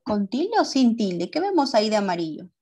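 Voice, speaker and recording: Patient woman teacher, higher voice. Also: big pitch swings, mellow. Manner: patient, repeats each step slowly with questions. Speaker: primary school teacher. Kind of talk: teaching a class to young pupils.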